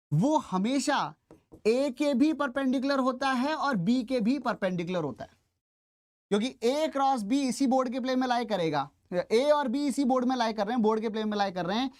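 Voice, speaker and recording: A man's voice: very high-pitched, animated, moderate pace. A male teacher giving a step-by-step classroom lecture at a board, addressing his students directly and slipping English phrases into his Hindi.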